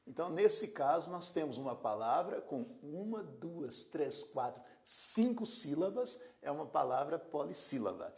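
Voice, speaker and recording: Man lecturing, lively, gravelly. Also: a little high. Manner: slow, deliberate, repeats words syllable by syllable; asks rhetorical questions to the learner. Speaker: Portuguese grammar teacher. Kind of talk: classroom lecture.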